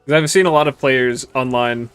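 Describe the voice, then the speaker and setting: A man's voice: mid-range voice, normal speed, clear, resonant tone. Young man casually rambling over gameplay. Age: 20s. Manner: relaxed, rambling, swears casually. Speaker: gaming streamer. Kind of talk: casual gameplay commentary chatting with viewers.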